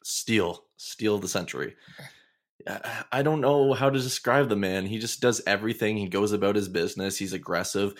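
Guy on a football podcast, low voice, gushing and laughing. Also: moderate pace. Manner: enthusiastic, laughing easily. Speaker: podcast co-host. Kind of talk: casual football chat.

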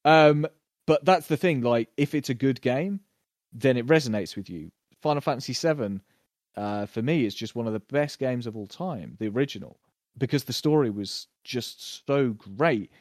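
A man in casual conversation on a podcast, talking through a TV series with lots of fillers and quick bursts of acted-out lines. His voice sits in a middle register and sounds dry and close, with no room around it. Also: mid-range voice, dry recording. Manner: animated, puts on quick voices when retelling scenes. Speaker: podcast co-host. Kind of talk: casual TV review chat.

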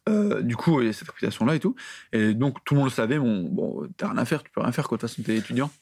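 A man's voice: medium pitch, sing-song, quick pace, vocal fry, darkish tone, breathy edge, dry recording. A young man co-hosting a podcast, telling stories casually with lots of fillers. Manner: rambling with many fillers. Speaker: podcast co-host. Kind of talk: casual chat, storytelling.

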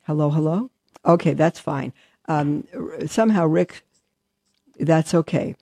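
A woman's voice: sits low, measured pace, no echo. A woman religious sister hosting a live show, chatting briefly and then reading a Christmas story aloud to her listeners. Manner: warm, chatty aside, then steady storytelling.

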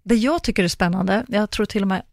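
A woman's voice: mid-range voice, a little mellow, dry recording, studio quality. A middle-aged woman, a coach, explaining ideas in a chatty way with acted-out example dialogues. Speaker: coach and communicologist guest. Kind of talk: casual podcast conversation.

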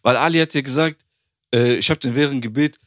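A man's voice: medium pitch, quick pace, no room sound, clean studio sound. A man casually telling a funny story on a podcast, acting out the people he quotes. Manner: animated storyteller, acts out quoted people, laughs often. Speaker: podcast host.

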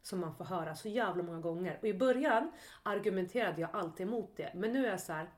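A woman co-hosting a podcast in casual chat, teasing her co-host, asking questions and pushing back. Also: mid-range voice.

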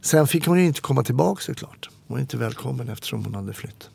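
A man, a former police officer reflecting candidly on his life in an interview, with frequent pauses and hesitations. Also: medium pitch, expressive, vocal fry, a little mellow, husky, no echo. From Stockholm, Sweden.

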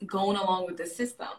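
A woman's voice: medium pitch, poor audio. A woman podcast host from Haiti, raised in the American South, talking in an enthusiastic and affirming way in a casual conversation. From born in Haiti, raised in the US South. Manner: enthusiastic and affirming, laughs often.

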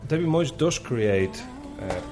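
A man's voice: mid-range voice, animated, slow pace. A man interviewing in a conversational style, putting questions to his guest. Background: faint music.

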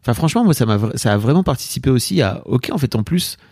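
A man's voice: mid-range voice, sing-song, quick pace, a little mellow, breathy edge, no echo, studio quality. Enthusiastic, slangy Frenchman in casual conversation. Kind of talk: casual chat about films.

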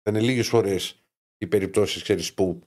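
A man co-hosting a casual sports betting chat, chatty and explaining at length, his voice rising when he gets excited. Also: on the low side. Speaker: podcast co-host.

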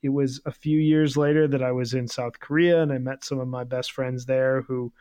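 A man's voice: mid-range voice, steady tone, normal speed, dark tone, clean tone, no room sound. A man in his thirties co-hosting a podcast, talking in a reflective, rambling way with many fillers. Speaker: podcast co-host. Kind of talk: casual podcast chat.

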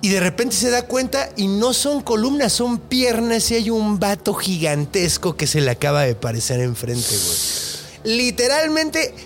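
A man with a Mexican accent telling a story in a casual podcast chat, animated and full of slang. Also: sits high. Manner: animated, slangy, quick to laugh.

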